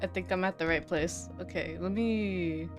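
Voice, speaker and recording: A woman's voice: fairly low pitch, normal speed, music in the background. A woman streaming a game, chatting and thinking aloud with frequent restarts, her voice groggy from a nap. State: groggy morning voice after a nap. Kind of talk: let's-play commentary, reading game dialogue aloud.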